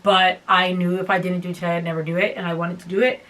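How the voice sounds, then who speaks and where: A woman's voice: lowish voice, flat delivery, fast, fairly bright tone. Chatty exasperated young woman vlogging. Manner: chatty, exasperated, self-mocking. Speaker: hair vlogger. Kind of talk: casual vlog chat while braiding. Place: at home, indoors.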